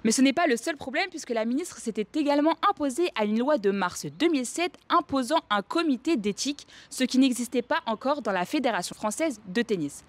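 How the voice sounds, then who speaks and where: A young woman presenting a scripted news segment in a steady, read-aloud delivery. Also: sits high, fairly quick, hardly any pauses, dry recording.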